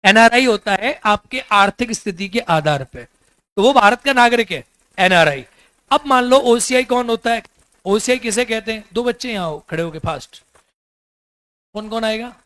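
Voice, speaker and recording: A man's voice sitting high in pitch, animated and sharp, moves at a moderate pace with no echo. Teaching a class, he repeatedly quizzes the students and has them repeat answers, joking and teasing them throughout the lecture.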